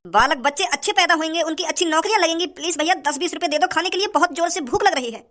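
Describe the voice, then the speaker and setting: Man voicing a hungry young cartoon beggar, whining, pleading, very high. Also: fast, pushed and bright. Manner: whining, begging.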